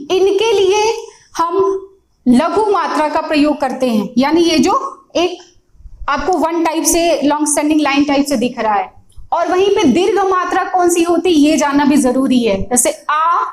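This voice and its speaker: A woman teaching a grammar lesson, patiently explaining with examples and often pausing to check that you follow. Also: very high voice, echoey room. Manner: patient, repeats points, often checks with "theek hai".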